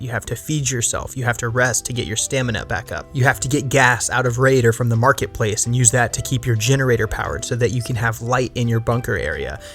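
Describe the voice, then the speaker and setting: A man's voice: medium pitch, fairly bright tone. A man hosting a gaming video, reading scripted review narration and addressing viewers directly with emphasis. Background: music.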